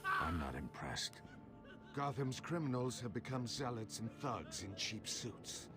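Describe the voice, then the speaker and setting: An actor playing a taunting, theatrical riddling villain in a video game, menacing and deliberate. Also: male voice, medium pitch, big pitch swings, loud music behind the voice. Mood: scornful.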